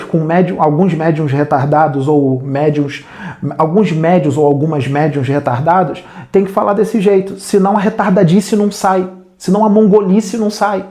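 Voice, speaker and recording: A man's voice: high-pitched, dark tone, reverberant. A man with a Brazilian Portuguese accent giving a blunt, scolding spiritual lecture as a medium.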